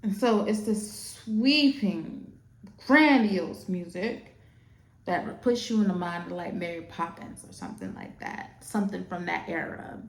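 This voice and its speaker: A woman chatting casually while doing makeup, retelling a movie in a sassy, animated way. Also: lowish voice, unhurried, roomy sound. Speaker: makeup artist.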